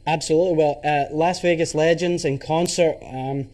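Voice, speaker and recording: A man's voice: fairly high pitch, steady tone, normal speed, a little mellow. Upbeat Glasgow man, TV guest. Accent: Scottish, Glasgow. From Scotland. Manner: upbeat, chatty, laughs easily. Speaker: tribute performer guest. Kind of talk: morning TV interview.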